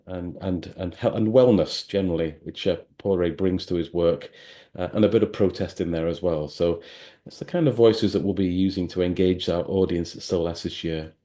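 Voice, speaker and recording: A man presenting a festival's spoken-word programme in an online session, reading poems aloud in a measured, deliberate way and slowing on key phrases. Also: low-pitched, warm tone. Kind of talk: poetry reading and programme introduction. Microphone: online event microphone.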